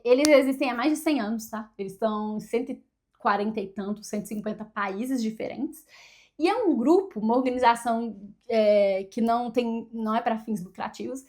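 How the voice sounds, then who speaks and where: A high-pitched woman with a Brazilian Portuguese accent talks casually to her viewers from her desk. She thinks out loud as she goes and keeps checking in with the audience through little tag questions. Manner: chatty, thinking aloud with frequent tag questions. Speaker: vlogger. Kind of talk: casual chat to camera.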